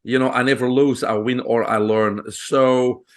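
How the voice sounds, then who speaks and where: A man's voice: medium pitch, steady tone, measured pace. Belgian-accented man telling his story. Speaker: podcast guest, physician. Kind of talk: conversational interview.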